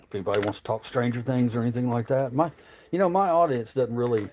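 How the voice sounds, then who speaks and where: A man's voice: mid-range voice, fast talker, darkish tone, a little hiss or hum. A man chatting casually as a livestream host, talking around a dip of tobacco in his lip, rambling and informal with some swearing.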